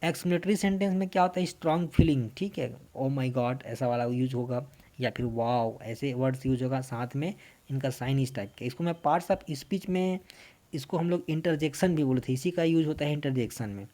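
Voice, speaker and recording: An Indian man with a medium-pitched, dark voice teaches English grammar to exam students, explaining in a blend of Hindi and English. He poses questions and answers them himself, and reads English example sentences slowly in an Indian accent.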